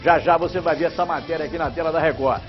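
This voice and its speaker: Emphatic older TV presenter. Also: male voice, on the high side, quick pace, highs cut off, faint music behind. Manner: emphatic, chatty, gestures while talking. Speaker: TV news presenter. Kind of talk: animated studio commentary. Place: TV news studio. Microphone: lapel mic.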